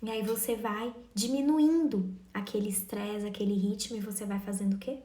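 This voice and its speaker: A woman's voice: mid-range voice, fairly even intonation, normal speed, warm tone, echoey room. A woman, giving earnest parenting advice and speaking directly to her listeners. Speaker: parenting educator. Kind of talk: casual advice talk to parents.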